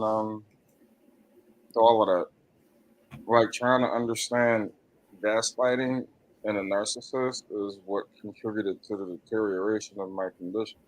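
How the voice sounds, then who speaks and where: A man's voice: mid-range voice, steady tone, a little slow. A man in his late forties joking and chatting as a guest on a casual livestream. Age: 40s. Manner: joking, playful.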